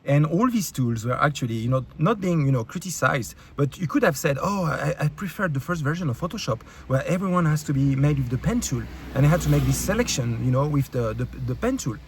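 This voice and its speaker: Brisk and nearly pause-free, a slightly high, animated voice belongs to a man from France with a French accent, ranting furiously at his YouTube viewers. There's slight background noise; his blunt, heated delivery is full of swearing, fillers, and restarts.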